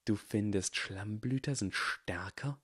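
A man reading the part of a proud, suspicious young aristocratic wizard who speaks in a hushed, clipped way. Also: lowish voice, animated, moderate pace, dry recording, studio quality.

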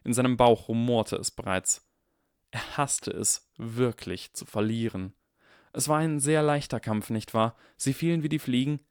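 A man narrates a fantasy audiobook with lively, dramatic expression, at a middle pitch. The sound is dry and close, with no room around it. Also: unhurried, clear, resonant tone, dry recording. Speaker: audiobook reader.

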